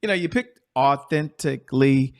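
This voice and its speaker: Peppy guy hosting a business talk show, kinda high voice, hypes everything up. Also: lively intonation, moderate pace. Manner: enthusiastic, repetitive emphasis. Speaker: show host. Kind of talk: energetic interview talk.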